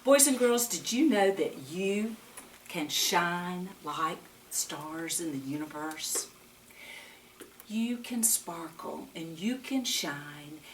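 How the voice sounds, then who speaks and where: Slow and animated, with a fairly low pitch, a Bible teacher and storyteller reads and talks to young children in a lilting way, questioning them along the way. Slight background noise sits under a roomy echo from a far-off microphone.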